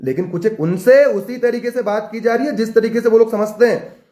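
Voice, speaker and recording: A young man speaking at a rapid clip, his voice pitched high as he drives his points home. He talks like a student leader giving a fiery political address, hammering the same phrases again and again. The sound rings off the walls of an echoey room. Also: warm tone. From Uttarakhand, India. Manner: fiery, repetitive rallying rhetoric. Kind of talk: impassioned political address to camera.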